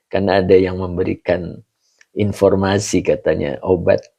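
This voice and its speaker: A man's voice: low-pitched, little pitch movement, moderate pace, vocal fry, mellow. A man teaching a live online Quran class, chatty, greeting viewers by name and chuckling often.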